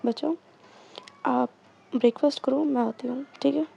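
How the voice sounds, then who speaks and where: A woman voicing a withdrawn adult woman who speaks softly and low, gentle with the child. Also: fairly even intonation, normal speed, creaky, breathy edge, exaggerated voice. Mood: tender. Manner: soft, low and hushed.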